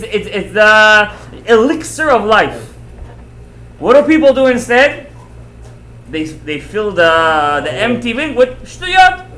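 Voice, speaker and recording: A man teaching a Torah class as a rabbi, animated and emphatic, repeating phrases, asking rhetorical questions and dropping in Hebrew terms. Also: high-pitched, echoey room. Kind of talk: animated religious lecture to students.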